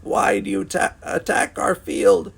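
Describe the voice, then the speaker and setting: A man voicing a solemn alien leader with a raspy voice, speaking slowly and deliberately. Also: sits high, sing-song, voice pushed up, heavily acted. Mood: grave. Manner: slow and deliberate.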